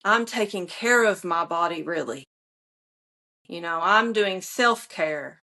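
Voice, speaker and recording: Bright-voiced, slow-talking woman co-host. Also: lowish voice. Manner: laughs often, playful, drawn-out phrasing. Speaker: podcast co-host, yoga teacher. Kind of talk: casual chat.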